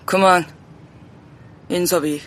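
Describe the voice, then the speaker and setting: A woman's voice: on the low side, steady tone, slow, a bit bright. A woman voicing a cold, bossy boy who leads a gang of kids, barking orders in an audiobook. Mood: commanding. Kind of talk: audiobook character voice.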